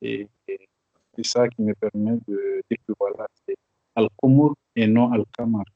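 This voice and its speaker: Hesitant low-voiced man explaining. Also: normal speed, dry recording, narrow, tinny audio. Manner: hesitant, restarts while explaining. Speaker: student. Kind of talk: answering a question in class.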